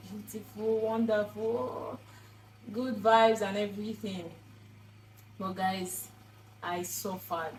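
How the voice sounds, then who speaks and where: Expressive woman vlogging, echoey room. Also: mid-range voice. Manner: expressive, dramatic storytelling with exclamations. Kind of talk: casual vlog talk to camera.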